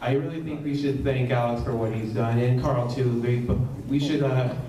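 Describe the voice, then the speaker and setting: Young man, halting and filler-heavy, mid voice, far from the mic, very echoey room. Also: medium pitch, steady tone. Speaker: fan meetup member. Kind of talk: casual spoken testimony to a group. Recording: echoey room, distant mic, crowd noise.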